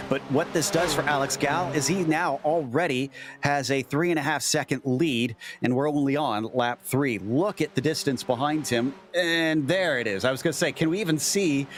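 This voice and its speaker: A man working as a motorsport commentator, calling a sim race live in a measured play-by-play that lifts with the action. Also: medium pitch, noisy background. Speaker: motorsport commentator, lead caller.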